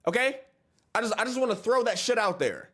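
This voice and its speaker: A man's voice: very high-pitched, lively intonation, fairly quick, very noisy. A man co-hosting a casual podcast chat, ranting emphatically and with exasperation. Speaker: podcast co-host.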